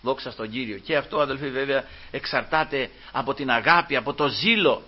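Guy preaching a sermon, fervent, keeps calling everyone brothers, sounds kinda dull and lo-fi. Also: mid-range voice. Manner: fervent, swings between hushed asides and loud exclamations; addresses listeners again and again as brothers. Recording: dull lo-fi recording.

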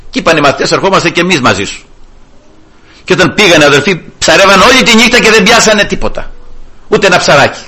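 A man preaching a sermon, telling a story in an animated way and often calling out to his listeners as brothers. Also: sits high, slightly rough.

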